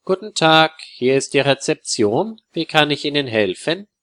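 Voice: mid-range voice, lively intonation, a little slow, fairly bright tone, no echo, voice pushed up. A man doing a polite hotel receptionist. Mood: helpful. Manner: polite, service-like.

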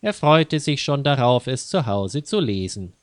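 A man reads a children's story aloud at a slow, measured pace. His voice is smooth and clear. The recording is dry and close, with no room sound. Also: mid-range voice, sing-song, no echo. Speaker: narrator.

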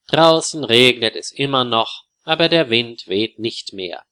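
A man narrating a story for learners in a slow, calm, clearly articulated reading. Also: medium pitch.

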